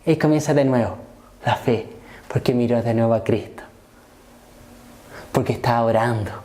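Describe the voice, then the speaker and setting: A man preaching a sermon as pastor, repeating phrases and asking rhetorical questions, dropping low then rising to emphatic points. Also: normal speed. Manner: swings between hushed low lines and raised emphatic ones.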